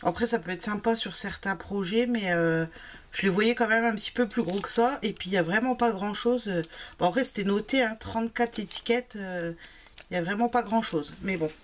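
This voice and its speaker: Talking through her craft haul, a woman of Italian family background keeps things casual and fills her speech with fillers, as a craft vlogger would. She speaks at a medium pitch and fairly quickly.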